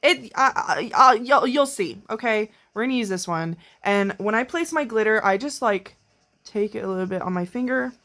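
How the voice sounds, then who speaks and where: Excitable chatty woman vlogger. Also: on the high side, moderate pace. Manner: chatty and excitable, rambling with sudden bursts. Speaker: beauty vlogger. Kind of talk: casual makeup tutorial. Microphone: camera mic while filming herself.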